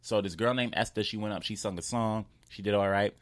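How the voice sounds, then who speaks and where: Low-voiced comedian with a slight lisp. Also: male voice, fairly quick, no room sound. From New York. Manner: loose, storytelling, cursing freely. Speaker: comedian guest. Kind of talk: casual interview chat.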